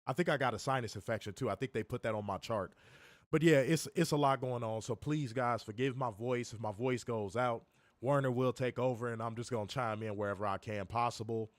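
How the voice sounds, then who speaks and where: Still hoarse from being ill, this male wrestling review co-host chats casually on a live stream from home in Chicago. His mid-range voice is brisk, profane and joking, addressing viewers directly, and the recording is dry.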